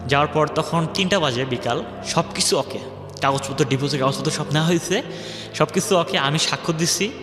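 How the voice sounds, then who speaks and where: This young man's voice sits on the high side and moves a little fast as he wanders through his life story for a radio program, voicing the other people in it. Music plays beneath him, and the sound echoes like a large hall.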